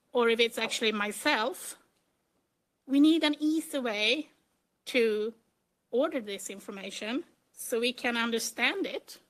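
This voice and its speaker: Speaking at a conference in non-native English, a Swedish-accented, middle-aged woman from Sweden who works as a computer engineer presents informally and plainly. She sounds a little high and a bit bright, captured on a rough recording.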